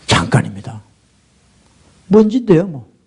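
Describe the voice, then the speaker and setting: A middle-aged man preaching a sermon as pastor, swinging from hushed murmurs to loud, emphatic exhortation. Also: a little high, sing-song, measured pace, breathy edge.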